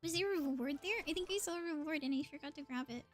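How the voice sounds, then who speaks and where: Here a woman talks fast in a high-pitched voice as she livestreams gameplay. Music plays behind her while she muses casually in brief bursts.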